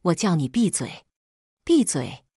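A woman's voice: on the low side, big pitch swings, unhurried, mellow, breathy edge, no echo, clean studio sound, full character voice. A woman voicing a domineering, hot-tempered middle-aged mother who scolds shrilly in a raised voice. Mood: furious scolding.

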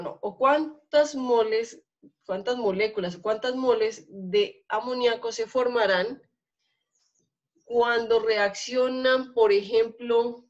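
A woman's voice: fairly high pitch, a little mellow, lo-fi sound. A woman teacher with a Colombian accent, lecturing a chemistry class and checking in often with questions to her students. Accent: Colombian Spanish.

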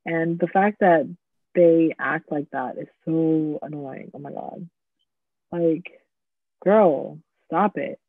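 High-voiced man on a tinny line. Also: slow pace, vocal fry, husky, no echo. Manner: animated storytelling with quoted voices. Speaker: podcast host. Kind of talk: casual chat.

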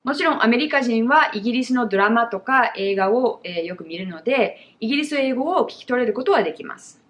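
A young woman with an American accent gives a bilingual pronunciation lesson, slowly and clearly modelling example words. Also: a little high. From United States. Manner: slow, exaggerated model pronunciations. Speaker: English pronunciation teacher.

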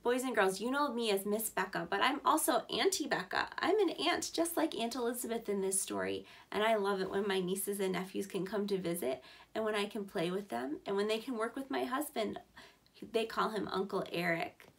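This is a picture-book read-aloud by a female teacher in her thirties, who explains the story to preschoolers in a clear, simple, encouraging way. Her voice sits in the mid range and runs a little fast, recorded indoors not far from the microphone.

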